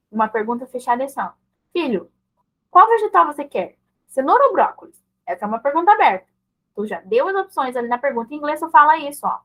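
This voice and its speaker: A woman with a high, light voice leads an online mentoring session for parents. She talks in a conversational way, checking in with listeners through quick tag questions. She often slips into short example exchanges between a mother and her child. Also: a bit bright, low-quality recording.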